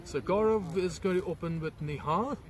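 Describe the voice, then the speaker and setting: A man's voice: high-pitched, normal speed. A man giving easygoing, wry live commentary on a local cricket match outdoors at a cricket ground.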